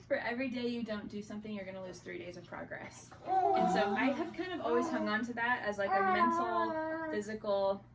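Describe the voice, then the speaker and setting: A young woman speaking candidly as a podcast guest, telling a personal story in a halting, casual way. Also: medium pitch. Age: young adult. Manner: candid, halting, with many likes and restarts. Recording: distant mic with clear background noise.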